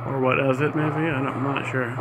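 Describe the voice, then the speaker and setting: As host of a ghost hunt in a hotel room, a man casually asks unseen spirits short, polite questions. His mid-range voice is level and a little fast, on a noisy amateur recording with static hiss.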